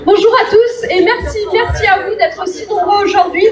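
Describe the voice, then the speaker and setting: A woman's voice: very high voice, brisk, crowd noise. A woman giving an emphatic rally speech as an activist, in a raised voice. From France, of Iranian descent. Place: outdoor demonstration in Paris, amplified mic. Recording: echoey noisy outdoor rally PA.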